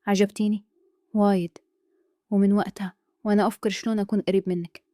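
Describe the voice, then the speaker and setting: A woman with a Kuwaiti accent voicing a calm, scheming man who speaks in a hushed, persuasive way. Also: medium pitch, fast, dry recording, clean studio sound, lightly acted. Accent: Kuwaiti Arabic.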